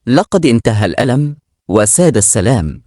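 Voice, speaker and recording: A man voicing a calm young woman who speaks quietly and forgivingly in a narrated story. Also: medium pitch, a little fast, no echo, clean studio sound, natural voice. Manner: quiet, soft.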